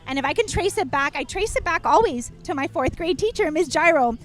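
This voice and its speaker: A woman's voice: very high voice, lively intonation, brisk, faint music behind. A woman in her thirties, a guest on a talk show who founded a kindness movement, tells a heartfelt story and acts out the quotes, near tears. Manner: warm, tearful, acts out quotes. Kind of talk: emotional storytelling interview.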